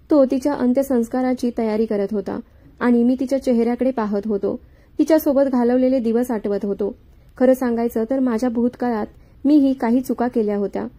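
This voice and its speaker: A woman narrating a scripted first-person story in a steady, earnest reading voice. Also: on the high side.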